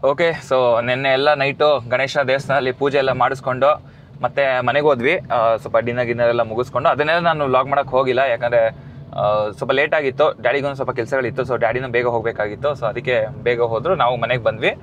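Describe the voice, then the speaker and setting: A man's voice: mid-range voice, steady tone, fast, fairly bright tone, muffled recording, slight background noise. A young man, chatting casually and teasingly in a vlog and mixing in English words. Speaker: vlogger.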